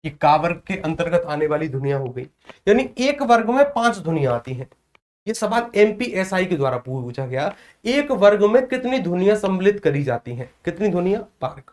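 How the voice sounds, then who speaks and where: A man's voice: sits high, sing-song, a little mellow. Guy teaching a hindi exam class, asks then answers his own questions, says stuff twice, drags out letter sounds. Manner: asks questions and answers them himself, repeats key points; sounds out letters slowly and drawn out. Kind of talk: exam prep lecture.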